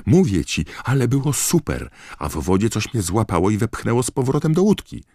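A man voicing an excited small boy with a squeaky, rushed way of talking, in an audiobook reading. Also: breathy edge, dry recording, clean studio sound, exaggerated voice. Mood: thrilled. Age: child figure. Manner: rushed, gushing. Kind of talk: audiobook character voice.

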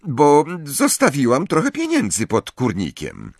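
A man voicing a clever, bossy teenage girl witch who talks briskly and impatiently. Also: medium pitch, very animated, no echo, clean studio sound, voice pushed up. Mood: worried, coaxing.

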